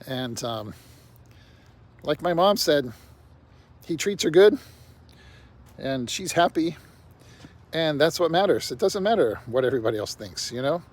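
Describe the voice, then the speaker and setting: A man's voice: on the high side, expressive, measured pace, long pauses. An older man talking bluntly to camera in a rambling casual monologue, peppered with "you know". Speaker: vlogger. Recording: faint outdoor traffic noise.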